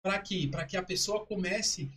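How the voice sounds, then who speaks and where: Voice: mid-range voice, unhurried, pushed and bright. A distant preaching co-host asking rhetorical questions. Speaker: co-host of a church live stream. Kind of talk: preaching commentary.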